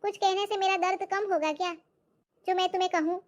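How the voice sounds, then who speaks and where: A woman performing a comic skit, grumbling to herself in sharp asides. Her voice sits very high. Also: steady tone, fairly quick, highs cut off. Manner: grumbling and exasperated.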